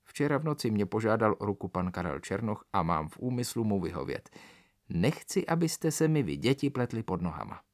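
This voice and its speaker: A man voicing a caring but firm mother cat in a read-aloud story, speaking softly and calmly. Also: fairly low pitch.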